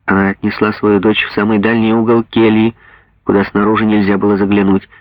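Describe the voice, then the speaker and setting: Male audiobook narrator, gravelly, husky, measured, dull lo-fi dry recording. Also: on the low side, completely flat delivery, no echo.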